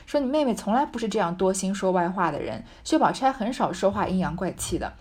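A woman's voice: medium pitch, lively intonation, quick pace, a little mellow, husky. Woman narrator, reads a classic novel aloud and comments as she goes, thinks aloud. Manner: musing, thinks aloud with fillers. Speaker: reader and commentator.

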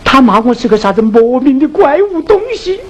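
A Sichuan opera performer playing a sharp-tongued teahouse keeper who mocks a poor scholar, scolding in a Sichuanese accent. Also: high voice, big pitch swings, husky, exaggerated voice. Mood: mocking. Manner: scolding, teasing, drawn-out sing-song delivery. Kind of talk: Sichuan opera stage acting, spoken and sung. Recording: hissy old opera film soundtrack.

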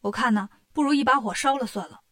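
A woman's voice: on the high side, fast, fairly bright tone. Woman playing a cocky monkey king. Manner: confident, teasing.

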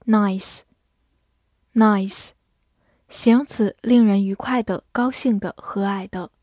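Slow, mellow woman reciting vocabulary. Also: mid-range voice, dry recording. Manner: repeats each word slowly, even recitation. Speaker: vocabulary teacher. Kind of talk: reading word list with definitions.

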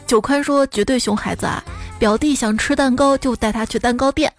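Over faint music, a fairly quick woman with a high-leaning voice hosts a radio segment of listeners' funny stories about kids. She teases with comic asides and playfully mimics the children's lines.

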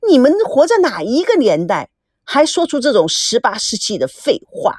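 A proud, quick-tempered young woman, put on by a female reader, scolds in a shrill, angry voice that jumps high and dips hard. The sound is dry and close, with no room around it. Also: big pitch swings, no room sound. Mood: furious.

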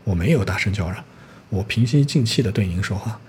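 A man reading a storybook's proud, poor young male student, who answers with sharp, indignant retorts in a low, mellow voice. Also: animated, fairly quick, slight background noise, close to an everyday voice. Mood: defiant.

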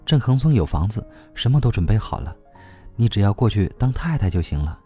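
A man reading a novel aloud, voicing a young woman who speaks gently and coaxingly, with a slightly quiet tone. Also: on the low side, sing-song, fairly quick, soft background music. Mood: downcast. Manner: gentle, coaxing and soft-spoken. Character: cheerful but troubled young woman.

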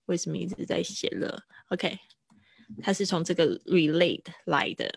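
A woman's voice: on the low side, moderate pace, creaky, husky, no room sound, clean studio sound. A woman English teacher, giving a live-streamed lesson in a chatty, patient way with frequent laughter.

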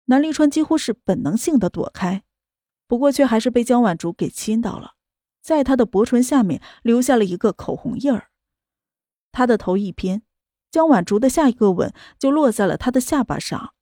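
High, mellow female storyteller. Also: no room sound, studio quality. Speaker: audiobook narrator. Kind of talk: scripted romance narration.

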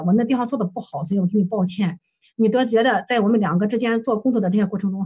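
A woman's voice: medium pitch, darkish tone, slightly rough. A woman counselor presenting a client case for supervision, recounting session dialogue hesitantly with many fillers and self-corrections.

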